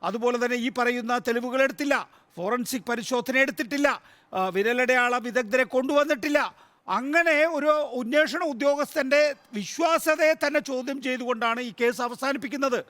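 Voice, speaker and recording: A man's voice: extremely high pitch, normal speed, fairly bright tone, no echo. A man with a Malayali accent moderating a live TV news debate, cutting in and pressing guests to let him finish. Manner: cuts in, presses guests to listen.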